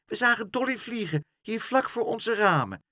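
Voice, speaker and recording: A man's voice: sits high, animated, moderate pace, bright, forceful tone, no room sound, clean studio sound, pitched above the performer's own voice. A man voicing the eager, chattering smallest child of a big family in a children's storybook reading.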